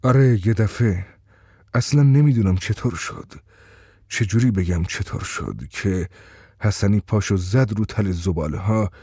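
Man with a dark, husky storytelling voice. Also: on the low side, dry recording, clean studio sound. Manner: steady, conversational storytelling. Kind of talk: first-person story reading.

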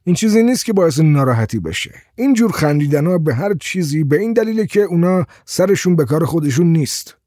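A man voicing a polite, calm male motorist who speaks evenly and courteously. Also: a little high, hardly any pauses, dry recording, clean studio sound, pitched above the performer's own voice, lightly acted.

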